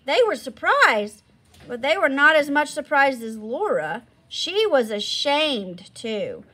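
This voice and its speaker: A woman reads a children's novel aloud with expressive storytelling. Her voice sits high and bright, and her pitch moves a lot. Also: slow pace. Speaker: storybook reader.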